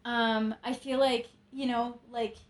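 A woman's voice: a little high, little pitch movement, slow. A woman in her twenties, a podcast guest at a friend's home, chatting nervously with lots of giggles and casual swearing. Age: 20s. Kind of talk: casual chat.

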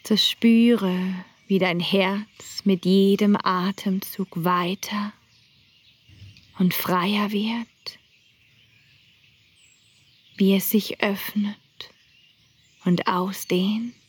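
A woman guiding a breathing meditation in a soft whisper. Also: medium pitch, husky. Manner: soft whispering, slow and calm. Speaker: meditation guide.

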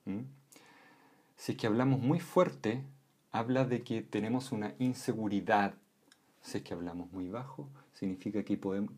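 A man explaining voice and communication in a calm lesson, often checking in with short "¿m?" and "¿ya?" tags. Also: lowish voice, slightly rough. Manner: calm, with frequent "¿m?" and "¿ya?" check-ins. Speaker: voice and communication instructor.

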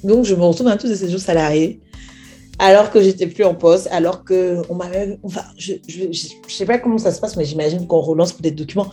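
A young woman tells a personal testimony, replaying each exchange in quoted dialogue. Her voice sits low and sounds mellow and warm. Soft music plays faintly beneath her. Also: brisk. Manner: animated retelling with acted-out quoted dialogue. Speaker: speaker sharing a personal testimony. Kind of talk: storytelling testimony.

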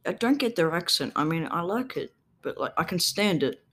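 A man's voice: on the high side, sing-song, moderate pace, a bit bright. A young man, hosting a solo podcast in a rambling, casual monologue full of ums and likes, sometimes drifting away from his home microphone. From Australia. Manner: meandering, lots of ums and likes. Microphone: home microphone, sometimes turned away.

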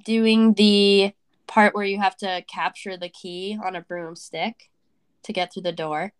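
A woman's voice: mid-range voice, fairly even intonation, a little slow, clean tone. A woman co-hosting a casual podcast chat, rambling with fillers and restarts, her voice a little worn after covid. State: recovering from covid, voice may crack. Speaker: podcast co-host.

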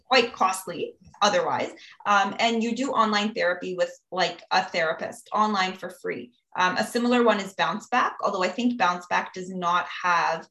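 A woman's voice: lowish voice, normal speed, pushed and bright, roomy sound. A woman, talking earnestly in a casual podcast conversation, giving advice and often adding "you know" and "right?". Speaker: guest speaker on mental health.

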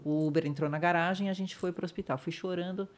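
A middle-aged woman with a Brazilian Portuguese accent, a podcast guest vividly retelling a personal ordeal, acting out what others said and dropping to a hush at the painful moments. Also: on the low side, steady tone, fast talker. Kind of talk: emotional personal storytelling.

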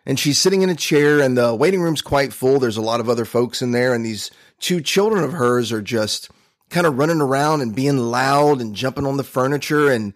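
A man with a mid-pitched voice hosts his own podcast and speaks straight to the listener. He tells a motivational story in an earnest, chatty style, with casual fillers along the way. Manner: earnest, conversational, with fillers and restarts. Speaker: podcast host.

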